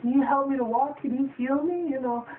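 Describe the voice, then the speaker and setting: Little girl begging for help, voiced by a man, squeaky high, tinny distant audio. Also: fairly quick, echoey room, slight background noise. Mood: pleading.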